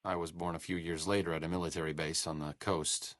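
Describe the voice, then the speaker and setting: An actor voices a young, learned male scientist companion in a game, delivering educated phrasing with dry, sardonic wit. His voice is low-pitched, level, a bit bright, and fast, recorded on a close studio mic with no echo.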